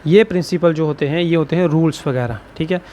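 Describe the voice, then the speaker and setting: A male shorthand teacher explains a lesson, tagging almost every phrase with "ठीक है" and repeating words slowly. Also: a little high, dark tone.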